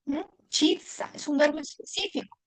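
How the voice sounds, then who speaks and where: A woman teaching a language lesson, patient, repeating words slowly and clearly. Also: high voice, no room sound, low-quality recording.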